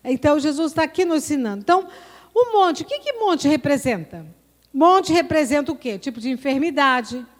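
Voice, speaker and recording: Brazilian woman pastor, high voice, emphatic call-and-response sermon, drawn-out scripture readings, long hall reverb. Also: animated. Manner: emphatic preaching with frequent call-and-response prompts; slows and stretches scripture quotes. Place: church service.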